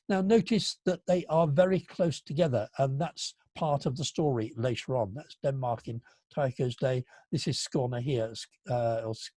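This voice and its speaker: A man in his seventies giving an illustrated lecture to an astronomy club, halting and full of fillers, with a dry, gentle humour. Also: mid-range voice, no echo. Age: 70s. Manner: halting, with frequent fillers and restarts. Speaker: guest speaker at an astronomy club.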